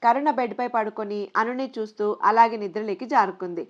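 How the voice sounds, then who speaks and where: A woman storyteller reading a storybook tale in a steady, even way, on a dull lo-fi recording. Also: a little high, fairly quick. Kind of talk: storybook narration.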